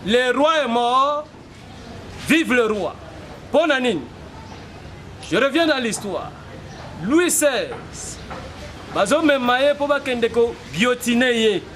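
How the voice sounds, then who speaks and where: A man in his forties speaks slowly with long pauses, his very high voice expressive and a bit bright. Giving an earnest street interview in French and Lingala, he builds toward emphatic, rhetorical declarations. He's outside on a city street, with passing traffic making the recording noisy.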